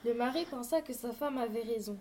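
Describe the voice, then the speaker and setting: A woman's voice: fairly high pitch, brisk, mellow, slight background noise. A woman reading a fairy tale aloud, addressing young listeners as storyteller.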